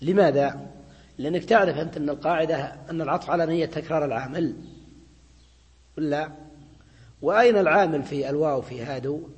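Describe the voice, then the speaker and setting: A man's voice: fairly high pitch, quick pace, pauses often, darkish tone, long reverb tail. A man giving a classroom grammar lecture. He explains step by step, repeats his points and keeps checking in with students. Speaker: Arabic grammar teacher.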